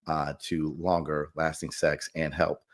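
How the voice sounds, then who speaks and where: A man with a deep, low voice chats casually on a health podcast. He rambles gently, leaning on fillers, in an easygoing, unhurried manner. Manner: relaxed, rambling with many fillers, laughs often. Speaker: doctor co-host.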